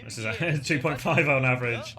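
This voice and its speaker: A man's voice: medium pitch, brisk, music in the background. A man in his thirties co-streaming an esports match, rambling and correcting himself as he talks to chat. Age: 30s. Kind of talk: casual livestream commentary.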